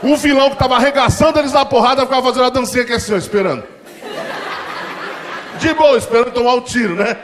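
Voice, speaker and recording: A Brazilian stand-up comedian tells stories in a brash, profane, self-mocking way. His voice is fairly high and he talks very fast. The sound rings in an echoey room. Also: noisy background. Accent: Brazilian Portuguese.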